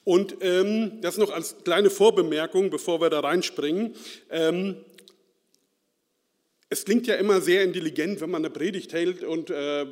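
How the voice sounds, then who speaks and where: A man's voice: high voice, measured pace, darkish tone. A man from Hesse, preaching an informal sermon in a chatty, self-deprecating way, full of fillers and "ne?" tag questions. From Central Hesse, Germany. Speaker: lay preacher. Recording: reverberant hall.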